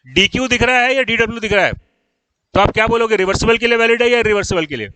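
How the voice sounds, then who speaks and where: A man's voice: very high voice, quick pace, pushed and bright, clean tone, dry recording, low-quality recording. A man teaching an engineering class, explaining step by step and often asking whether students follow. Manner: explains, then checks understanding with frequent questions; scolds students in exasperation. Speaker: engineering lecturer. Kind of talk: classroom lecture.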